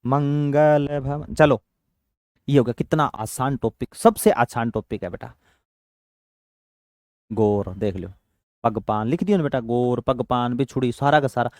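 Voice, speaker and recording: A man's voice: mid-range voice, measured pace, pauses often, darkish tone, dry recording, studio quality. A man teaching an exam-prep class in a chatty, affectionate way, repeating terms so students memorize them. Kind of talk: online exam-prep lecture.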